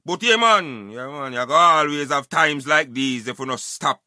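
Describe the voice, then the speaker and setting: Recorded in a clean studio with no echo, a man with a fairly high voice speaks at normal speed in a Jamaican accent. He's a radio host airing his opinions casually and emphatically, talking to listeners as friends and animatedly calling them brethren over and over.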